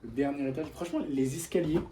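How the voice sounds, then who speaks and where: A man's voice: a little high, fast, mellow. A young Frenchman casually guiding a night exploration vlog with spoken commentary as he goes through an abandoned house. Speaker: urban explorer guiding the visit. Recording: echoey empty house, noticeable noise.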